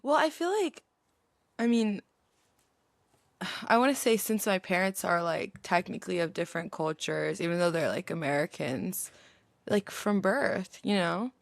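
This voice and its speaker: Young woman guest, giggly animated storyteller, lowish pitch, dry recording. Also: measured pace, gravelly, no echo. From grew up in Qatar. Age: young adult. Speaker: podcast guest. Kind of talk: casual chat.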